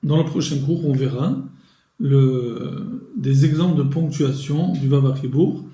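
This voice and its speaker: A man giving a recorded grammar lesson, explaining slowly and deliberately with pauses and small restarts. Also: mid-range voice, dark tone, reverberant. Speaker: Hebrew grammar teacher.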